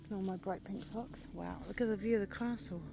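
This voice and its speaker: Creaky-voiced woman vlogger, chatty. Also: medium pitch, a little fast, noisy background. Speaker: vlogger narrating a countryside walk. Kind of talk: casual chat.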